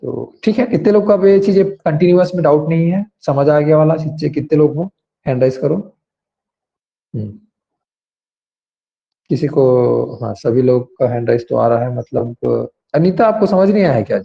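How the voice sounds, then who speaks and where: A man teaching grammar in an online class, explaining slowly and asking students to raise their hands. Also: a little high, gravelly. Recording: dull lo-fi sound.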